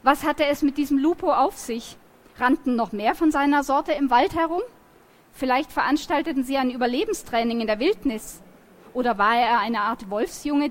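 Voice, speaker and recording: A woman reads a novel aloud, her slightly high voice lively and expressive. She tells the first-person story with steady, engaged storytelling. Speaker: reader.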